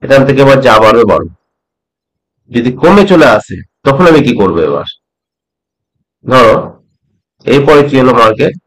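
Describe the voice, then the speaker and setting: A middle-aged man from West Bengal teaching a trading method, talking slowly and repeating points, often checking that the listener follows. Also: medium pitch, very animated, low-quality recording. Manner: slow, repeats points, asks "ঠিক আছে?" often. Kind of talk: slow explanatory tutorial.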